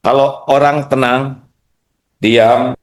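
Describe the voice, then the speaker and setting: A man's voice: mid-range voice, steady tone, takes it slowly. A man preaching a sermon to an audience, questioning them and acting out insults. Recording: echoey hall.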